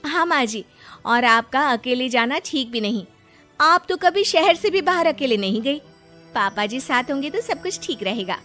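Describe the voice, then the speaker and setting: High-voiced woman narrating a cartoon. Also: animated, moderate pace, bright, forceful tone, faint music behind. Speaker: storyteller and daughter-in-law voice.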